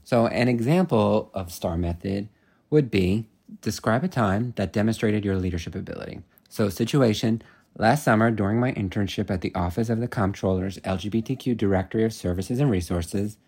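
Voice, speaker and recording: Low husky man giving career tips. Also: warm tone. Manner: instructive, step-by-step. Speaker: career advice presenter. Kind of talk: scripted explanatory segment.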